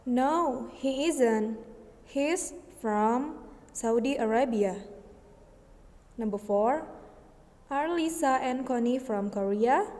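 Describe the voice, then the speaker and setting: A woman with an Indonesian accent teaching an English lesson, explaining slowly and patiently and switching between languages. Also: on the high side, a little mellow, long reverb tail. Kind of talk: bilingual classroom lesson.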